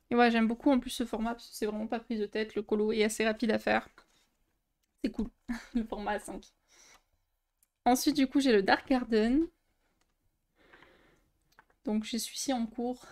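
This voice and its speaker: A young coloring-book YouTuber with a slightly mellow, higher-pitched voice shows off her coloring books in a relaxed show-and-tell vlog. Her chatter is full of fillers and restarts.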